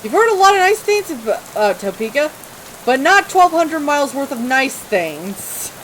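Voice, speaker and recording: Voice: high voice, a little slow, rough recording. A let's-play gamer commenting playfully and reading game dialogue aloud. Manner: animated, jokey, reads dialogue aloud. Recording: rain noise behind.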